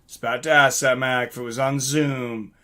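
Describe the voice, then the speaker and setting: A middle-aged man hosts a live stream, chatting casually with viewers, reading out and answering chat comments, and rambling through commentary on fights. His mid-range voice is bright and forceful, holding a steady tone at a normal speed.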